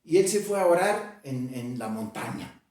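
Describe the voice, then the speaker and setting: A male pastor preaching a sermon and reading scripture aloud, slow and deliberate with frequent hesitations. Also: mid-range voice, very animated, a little mellow. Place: church sanctuary. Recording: very echoey church hall, mic far off.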